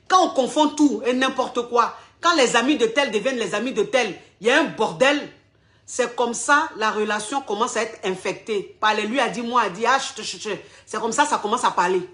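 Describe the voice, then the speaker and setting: A woman's voice: on the high side, a bit bright. A woman relationship coach giving marriage advice, emphatic and repeating each point twice, with pointed questions aimed straight at her listeners.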